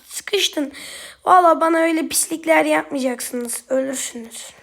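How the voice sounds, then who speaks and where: A woman with a high, light voice narrates her gameplay in a casual commentary. She flares up and swears at opponents easily, then turns to chat directly with her viewers. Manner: quick to anger, swears at opponents; chatty, addresses viewers directly. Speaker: gaming YouTuber.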